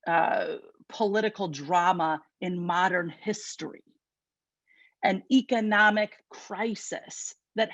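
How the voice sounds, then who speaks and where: A woman with a Chicago accent giving an inspirational talk as guest speaker at an online spiritual service, lively and conversational with quick asides. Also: fairly low pitch, no room sound, dull audio. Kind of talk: inspirational sermon.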